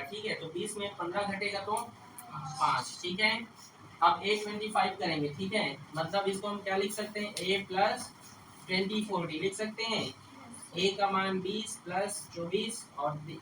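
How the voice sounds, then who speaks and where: Stern classroom teacher, keeps asking "understood?", distant boomy room, street noise. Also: male voice. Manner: scolds and lectures students; checks understanding with repeated questions. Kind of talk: classroom math lesson. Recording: echoey classroom from far off, traffic noise.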